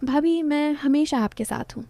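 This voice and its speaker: A woman voicing a gentle, earnest young man who speaks affectionately to his sister-in-law. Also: sits high, moderate pace, dry recording, voice pushed up. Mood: tender. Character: tender young man, devoted brother-in-law.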